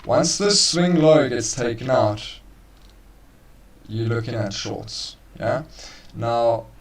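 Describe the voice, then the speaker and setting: A man's voice: medium pitch, expressive, takes it slowly. Laid-back man explaining charts, roomy sound. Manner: casual, laid-back, calls listeners bro. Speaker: trading co-host. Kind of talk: live stream chart analysis. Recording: roomy, far from the mic.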